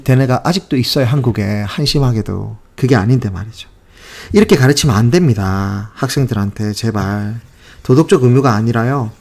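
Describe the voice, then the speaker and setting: A man's voice: mid-range voice, a little mellow. A man teaching English grammar in casual Korean, speaking with passion and exasperation and mixing in English phrases. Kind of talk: casual spoken lesson.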